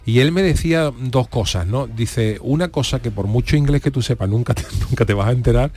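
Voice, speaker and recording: A man's voice: medium pitch, brisk, darkish tone. Rambling man telling stories. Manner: rambling storyteller with restarts. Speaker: radio co-host. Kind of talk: casual chat, telling anecdotes.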